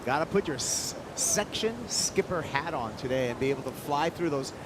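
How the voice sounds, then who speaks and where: A man's voice: on the high side, animated, moderate pace, noisy background. A man calling a live surf contest as an announcer, in a laid-back surfer manner with plenty of surf slang. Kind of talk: live sports commentary.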